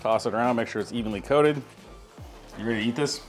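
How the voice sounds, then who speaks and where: A chef runs a relaxed cooking demo in a kitchen, walking through each step in an easygoing way with lots of filler sounds. His medium-pitched voice moves at a quick pace over loud music.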